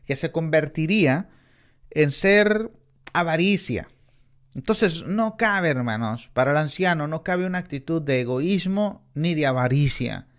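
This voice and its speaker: A man's voice: on the high side, expressive, a little slow. A middle-aged man preaching a Bible class in a church, earnest and emphatic, often addressing his listeners as brothers. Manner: earnest, repeats "hermanos" often, emphatic rises on key words. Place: church in Texas.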